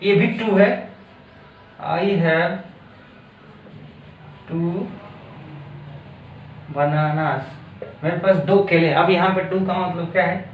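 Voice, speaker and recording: A man with an Indian accent teaches a grammar lesson, speaking very slowly and deliberately and checking in often. His voice sits a little high for a man. The recording is echoey, with a faint hum of background noise. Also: dull audio. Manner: slow, deliberate explaining with frequent checks like "okay?". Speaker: English teacher. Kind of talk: classroom-style grammar lesson mixing Hindi and English.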